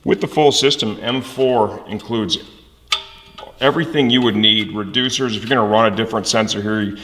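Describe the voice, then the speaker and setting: A folksy, plain-talking host of motorcycle install videos explains things as he goes through a casual tutorial. He speaks at a moderate pace in a lowish voice over a noisy background. The recording echoes with room reverb.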